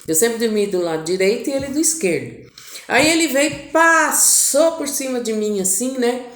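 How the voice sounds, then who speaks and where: A woman telling her viewers a personal family story in an intimate, animated way, acting out what each person said. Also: a little high, moderate pace. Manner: intimate, animated retelling with voiced quotes. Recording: echoey room.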